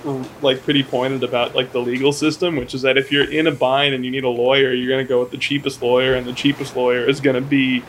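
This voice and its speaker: A man co-hosting a podcast in casual chat, animated and laughing mid-sentence, with many fillers. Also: mid-range voice, fast, slight background noise, rough recording. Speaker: podcast co-host.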